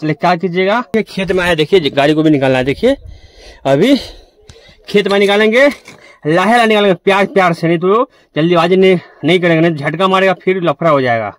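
A young male truck driver talks casually to his viewers in a vlog, filming on a phone beside his truck out in the farm fields. His voice sits high and he talks fast, chatting directly to the audience. The recording is dry.

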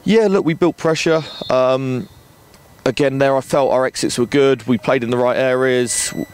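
A man in his thirties, a rugby director, speaking in a frank, measured way with many ums and restarts, outdoors at a floodlit ground at night into a handheld mic. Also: medium pitch, fairly even intonation, smooth. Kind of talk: post-match interview. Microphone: handheld interview mic.

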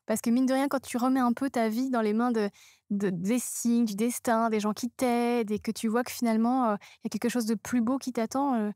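A woman comedian and author speaking as a podcast guest, telling a candid personal story in an animated, self-mocking way with halting restarts. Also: fairly high pitch, dry recording, clean studio sound.

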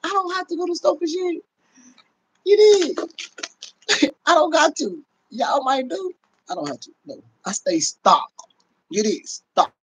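Speaking a little slowly with long pauses, a middle-aged American man uses an extremely high, lively voice in a casual livestream rant to viewers. The low-quality recording, made on a phone or webcam at arm's length at home, carries a little hiss or hum, and his talk is blunt, profane and emphatically repetitive.

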